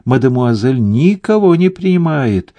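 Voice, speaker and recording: A man voicing a nervous restaurant owner who talks quickly and in a hushed, fretful voice. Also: medium pitch, big pitch swings, dry recording, pitched above the performer's own voice. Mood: anxious. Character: anxious male restaurant owner, nervous and hurried.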